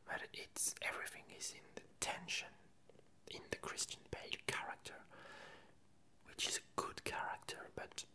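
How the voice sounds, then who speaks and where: In this whispered ASMR chat, the creator's breathy voice sounds pushed and bright. Her delivery is slow and hesitant, broken up by lengthy pauses.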